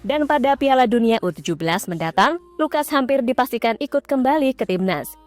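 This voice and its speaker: Female football news narrator, slightly high pitch, scripted read with casual asides, faint music underneath. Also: lively intonation, brisk, a little mellow. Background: faint background music.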